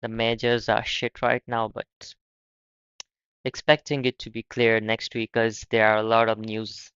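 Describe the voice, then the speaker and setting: A young man from Pakistan hosting a casual live stream, talking haltingly and often repeating his words. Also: fairly low pitch, little pitch movement, fairly bright tone, smooth, dry recording, muffled recording. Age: young adult. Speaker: livestream host.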